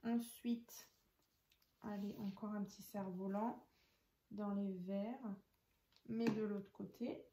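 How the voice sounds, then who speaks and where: Slow-talking woman showing a craft. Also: mid-range voice, steady tone, mellow, a little hiss or hum. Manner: chatty, thinks aloud, counts pieces while working. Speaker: craft tutorial host. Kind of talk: casual craft tutorial. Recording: echoey room.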